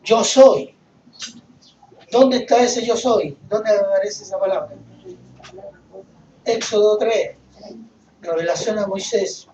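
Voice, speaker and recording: A man preaching a sermon, asking rhetorical questions and rising into loud emphasis. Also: high-pitched, fairly even intonation, slow pace, long pauses, reverberant, distant mic, muffled recording, slight background noise. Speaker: pastor.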